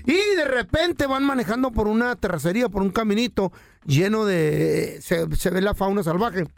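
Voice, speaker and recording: A man with a Mexican Spanish accent hosting a podcast, telling a story in a lively, casual way. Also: high voice, normal speed, creaky, no echo. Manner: animated, acts out quotes. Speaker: podcast host.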